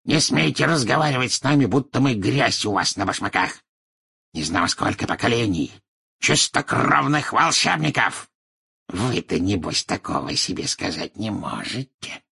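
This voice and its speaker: Old furious wizard, boastful and ranting, raspy and sharp, big pitch swings. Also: male voice, lively intonation, moderate pace, heavily acted. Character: furious filthy old male pure-blood wizard, boastful. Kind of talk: audiobook character reading.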